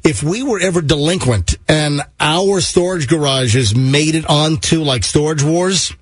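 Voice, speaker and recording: A husky male radio host with a fairly high voice, recorded dry and close. He rambles through casual, jocular morning-show banter, chatting easily over faint music. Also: measured pace, no room sound.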